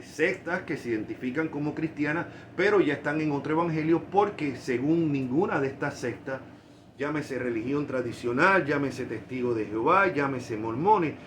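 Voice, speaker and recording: A man's voice: medium pitch, fairly bright tone, a little hiss or hum. Emphatic Puerto Rican male preacher. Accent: Puerto Rican Spanish. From Puerto Rico. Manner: emphatic, rising on key points. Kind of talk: sermon.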